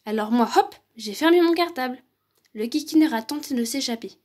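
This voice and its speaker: A woman reading a children's picture book aloud for a library, with lively, expressive storytelling. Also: high voice, brisk.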